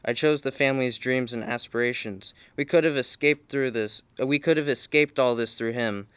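A man's voice: medium pitch, normal speed, fairly bright tone, clear, resonant tone, dry recording, natural voice. A man reading aloud, voicing a frustrated adult son arguing with his family. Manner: heated, frustrated.

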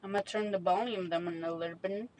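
Her voice is medium-pitched, steady, briskly paced, and somewhat dark in tone. A young vlogger of Mexican heritage, she rambles casually and self-deprecatingly in slang into a handheld USB mic inside her small parked car. The audio is poor, with a bit of hiss or hum.

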